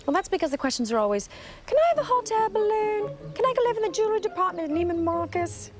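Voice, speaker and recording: High-pitched, theatrical, whimsical TV mom. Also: female voice, very animated, fast talker, very noisy. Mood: alarmed, exasperated. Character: whimsical, doting mother of a teenage girl. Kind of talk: television family comedy acting. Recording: music playing loudly behind.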